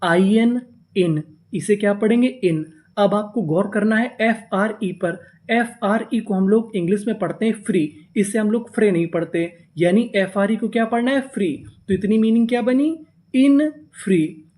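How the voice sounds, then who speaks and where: Man, patient teacher, spells letter by letter, repeats words slowly, asks the class questions. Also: high voice, darkish tone. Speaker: English reading teacher. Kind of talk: step-by-step spoken lesson.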